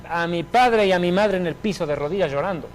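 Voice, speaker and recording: A man giving a personal religious testimony in an emphatic, animated storytelling manner. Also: high-pitched, brisk, poor audio.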